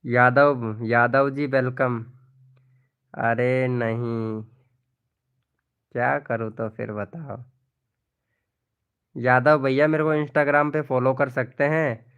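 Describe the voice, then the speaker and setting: A man's voice: mid-range voice, level tone, slow, pauses often, clear, resonant tone, phone-quality sound. A man hosting a live stream, chatting casually as he reads out viewers' comments, calling people by name and often laughing. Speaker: live stream host promoting channels.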